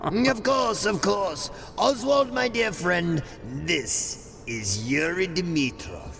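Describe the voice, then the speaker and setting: A man's voice: sits high, lively intonation, takes it slowly, gravelly, background noise, full character voice. A man playing a manic, gleeful criminal clown in an audio drama, theatrical and mocking, prone to cackling. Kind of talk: fan-made audio drama acting.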